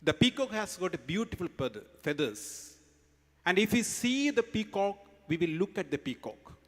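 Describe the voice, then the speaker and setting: Speaking to students at a morning assembly in a large school hall, a man with an Indian English accent tells a story emphatically and quizzes his audience. His voice sits high, swings widely in pitch, and moves at a normal speed.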